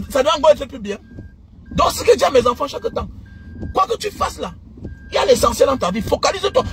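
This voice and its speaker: A middle-aged man giving emphatic, repetitive life advice in a casual preachy monologue, sometimes breaking into shouts. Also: very high voice. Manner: emphatic, lecturing, repeats phrases, bursts of shouting.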